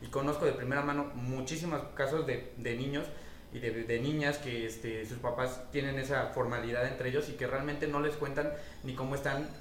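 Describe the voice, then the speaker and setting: A Mexican man hosting a casual podcast chat, talking in a relaxed, reflective way full of slang and fillers. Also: mid-range voice, moderate pace, a little hiss or hum. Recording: echoey room, voice a bit far from the mic.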